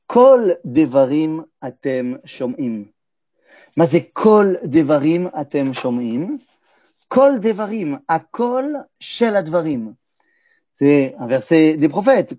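A man's voice: a little high, dark tone, breathy edge, no room sound, highs cut off. A man teaching a Torah class, explaining Hebrew words and asking his listeners questions before he answers them.

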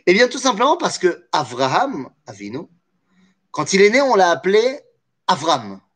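A man's voice: sits high, sing-song, moderate pace, a bit bright, slightly rough. A man teaching a Torah study lesson, explaining with animation, weaving in Hebrew terms and jokey asides.

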